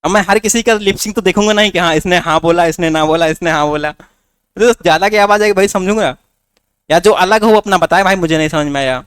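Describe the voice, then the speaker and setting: A man's voice: high voice, a little fast, a bit bright, clear, resonant tone, no room sound, studio quality. A man teaching a class with a north Indian Hindi accent, coaxing students with rhetorical questions. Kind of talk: classroom lecture.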